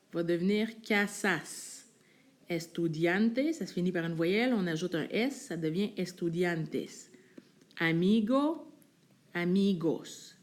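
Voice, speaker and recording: A woman teaches a recorded whiteboard lesson. She speaks slowly and patiently, at a middle pitch, pausing to check that her students follow. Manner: patient, explains step by step with frequent check-ins. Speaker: Spanish teacher.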